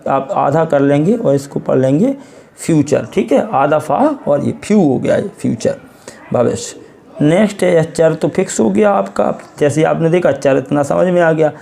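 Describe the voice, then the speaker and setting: An Indian man with an Indian accent gives a classroom-style phonics lesson, teaching English reading step by step, patiently repeating words and quizzing the listener. His voice sits on the high side, creaky with a dark tone.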